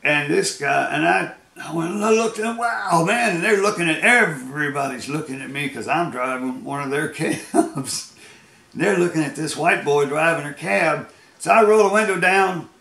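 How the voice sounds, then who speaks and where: A man's voice: a little high, normal speed, vocal fry, pushed and bright, roomy sound. An American man telling rambling road stories in a casual, folksy way, often laughing as he goes. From United States. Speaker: storyteller. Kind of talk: casual storytelling.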